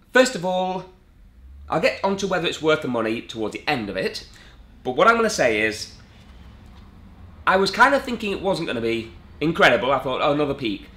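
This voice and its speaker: A man's voice: medium pitch, bright, forceful tone, echoey room. A man giving a chatty, rambling review of a magic trick, with enthusiastic asides. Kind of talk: casual video review.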